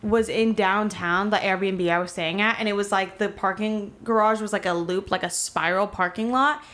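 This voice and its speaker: A woman's voice: mid-range voice, normal speed, a bit bright. A young woman from Miami, a podcast co-host, telling a story in casual talk full of "like" and swearing. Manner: rambling, many "like" fillers, swearing.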